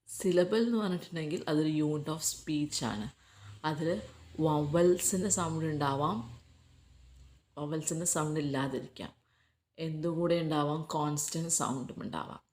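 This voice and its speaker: A woman with a Malayali accent teaching a textbook lesson, reading English lines slowly and deliberately, then explaining them quickly. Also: deep voice, a little mellow.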